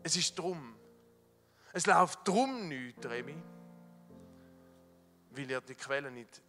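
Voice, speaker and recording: A middle-aged man with a Swiss German accent preaching a sermon, telling a story with fervour, dropping from loud to hushed. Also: on the high side, expressive, slow pace. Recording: long hall reverb with faint music.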